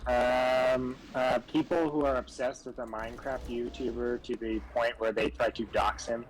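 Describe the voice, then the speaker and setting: A young man in casual podcast chat, explaining in a halting way with plenty of fillers. His voice sits at an ordinary middle pitch. A faint hiss runs under the recording. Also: little pitch movement, poor audio. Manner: hesitant, full of fillers. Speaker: podcast co-host.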